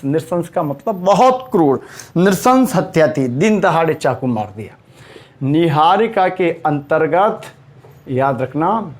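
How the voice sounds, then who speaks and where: Slow, repetitive male Hindi teacher. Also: fairly high pitch. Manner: slow, repeats words for emphasis. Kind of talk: spelling lesson for exam students.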